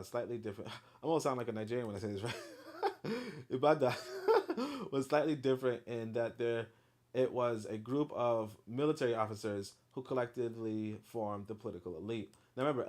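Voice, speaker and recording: In a mid-range voice at a moderate pace, a man reads history aloud, then veers into animated, outspoken asides heavy on cursing and fillers.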